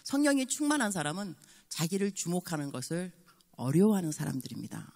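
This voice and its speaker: A woman in her sixties preaching a revival sermon as a guest pastor, lively and acting out little dialogues. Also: lowish voice, fairly quick, in a large hall. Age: 60s. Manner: animated, mixes in English phrases and acts out dialogue. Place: church sanctuary.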